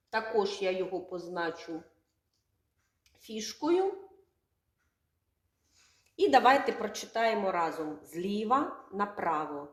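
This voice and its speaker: A woman teaching young children their first letter sounds, stretching words out slowly and asking the class questions. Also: medium pitch. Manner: slow, drawn-out sounds, asks children questions. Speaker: kindergarten teacher. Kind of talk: literacy lesson for young children. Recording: echoey room, from far off.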